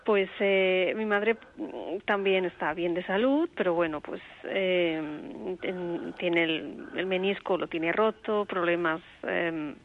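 A woman's voice: on the low side, slow, few pauses, slight background noise. Hesitant woman calling in by phone. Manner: hesitant, many fillers. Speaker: caller. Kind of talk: phone call to radio show. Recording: phone line sound.

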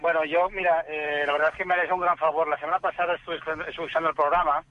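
A man's voice: a little high, flat delivery, quick pace. A man calling in to a radio show over the phone line, polite and hesitant, with many fillers and restarts. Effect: heard over the phone line. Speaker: radio caller. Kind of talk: casual call-in chat.

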